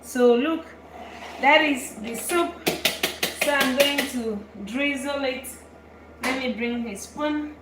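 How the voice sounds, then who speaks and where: A woman's voice: high voice, slow pace, reverberant, very noisy. A woman from Belgium hosting a live cooking show, chatting and explaining each step as she works in her kitchen. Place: home kitchen.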